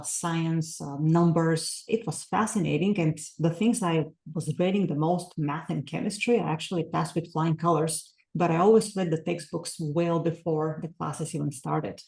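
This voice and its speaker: A woman's voice: sits low, vocal fry, a little mellow, reverberant. A woman, a podcast guest talking earnestly and reflectively with many fillers. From Bulgaria. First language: Bulgarian. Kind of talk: casual interview talk.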